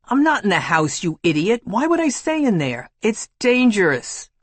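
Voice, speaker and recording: A woman voicing a shrill, paranoid caller with a Queens accent who insists and scolds. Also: big pitch swings, moderate pace, dry recording. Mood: indignant. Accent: New York, Queens.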